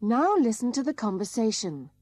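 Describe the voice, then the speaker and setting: A woman voicing a polite travel agent and exam narrator in a scripted listening-test recording, with a measured, careful delivery. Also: fairly high pitch, very animated, a little mellow, no room sound. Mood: instructing.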